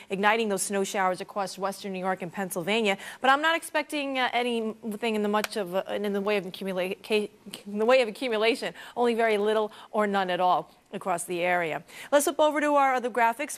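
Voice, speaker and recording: A woman TV meteorologist giving a weather update in a practiced broadcast delivery with small slips. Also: mid-range voice.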